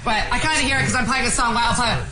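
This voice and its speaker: A woman radio co-host doing a mock date, chattering quickly and mishearing the answers. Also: fairly high pitch. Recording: echoey room, loud music over it.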